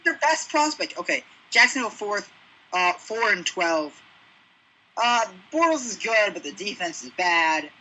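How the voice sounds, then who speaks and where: A young man co-hosting a casual sports podcast, chatty and quick with jokes and side remarks. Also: high voice, very animated, pushed and bright, rough recording. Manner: chatty, jokey interjections. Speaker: podcast co-host.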